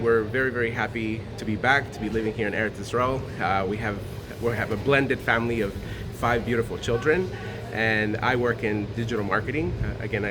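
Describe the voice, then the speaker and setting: A man's voice: lowish voice, background noise. A man from Honduras giving an earnest, informal talk as a guest speaker, with many fillers and restarts. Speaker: guest speaker sharing a Torah thought.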